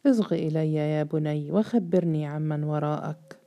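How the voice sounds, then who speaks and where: A woman voicing an older male strongman who speaks in measured, patronizing tones with veiled threats. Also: deep voice, dark tone. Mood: menacing.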